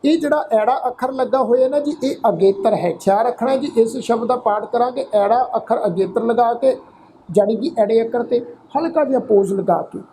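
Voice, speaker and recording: A woman from Punjab, India, teaching scripture pronunciation and reciting verses slowly, spelling words letter by letter in a polite, patient way. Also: fairly high pitch, warm tone, a little hiss or hum, low-quality recording. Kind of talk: slow recitation with explanation.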